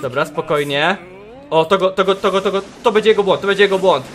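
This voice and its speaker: A young man giving sarcastic, swearing gameplay commentary, often breaking into frustrated shouts. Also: sits high, quick pace, slight background noise. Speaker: gaming youtuber.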